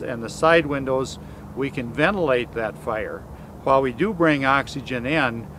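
A man who trains school transportation staff, explaining evacuation steps in a measured, instructive way outdoors. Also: medium pitch, background noise. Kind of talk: explanatory talk at a training demo. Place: outdoors beside a school bus.

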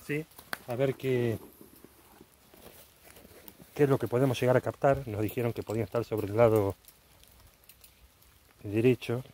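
A man's voice: medium pitch, level tone, a little slow, pauses often, mellow, a little hiss or hum. A middle-aged man with an Argentine accent talks in a casual vlog style. He is recorded outdoors in woodland at night, hosting an exploration.

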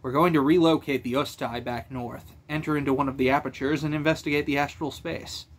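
A man voicing a calm, measured adventurer leader in an audiobook reading. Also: medium pitch, slight background noise, close to an everyday voice. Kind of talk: audiobook character voice.

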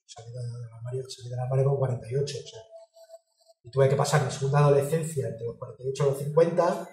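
A woman, talking in a casual interview. She speaks frankly, swears and gets animated when she tells stories. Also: extremely low pitch, fast. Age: 50s. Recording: roomy, distant mic with music behind.

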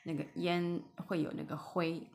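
A woman teaching English vocabulary, spelling out letters and repeating each word slowly, with soft whispered asides. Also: lowish voice, little pitch movement, gravelly. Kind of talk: phonics lesson.

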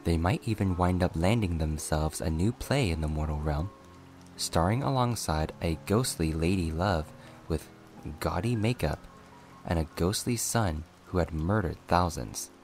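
Brief: low-voiced male reader, calm soft narration, faint music beneath. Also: measured pace. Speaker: audiobook reader. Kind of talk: soft ASMR story reading.

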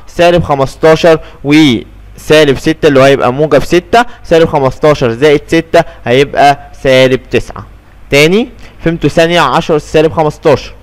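A young man teaching physics in Egyptian Arabic, working through a step-by-step exam review and asking and answering his own questions as he goes. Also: a little high.

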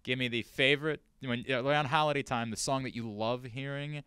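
A man's voice: medium pitch, steady tone, brisk, bright, forceful tone, smooth, no room sound, clean studio sound. A middle-aged man doing a chatty, joking post-game interview, speaking into a handheld microphone in an indoor arena hallway.

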